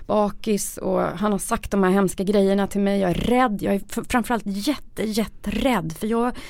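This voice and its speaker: A woman's voice: mid-range voice, steady tone, vocal fry, a little mellow. A middle-aged woman, an interview guest, telling a personal story frankly and with feeling. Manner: frank, emotional, acts out quoted dialogue.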